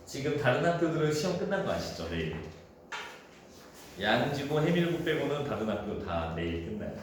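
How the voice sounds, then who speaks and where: A man teaching a high school Korean class, talking casually through exam questions and thinking aloud. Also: very animated, a little fast. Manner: casual, thinks aloud, acts out quoted dialogue in a raised voice. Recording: echoey room with faint noise.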